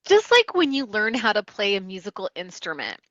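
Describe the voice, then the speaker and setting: A woman's voice: medium pitch, huge pitch swings, brisk, dry recording, dull audio. A woman wellness coach giving an instructional talk, explaining a technique step by step and acting out short client quotes. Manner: warm explanatory teaching, acts out client quotes.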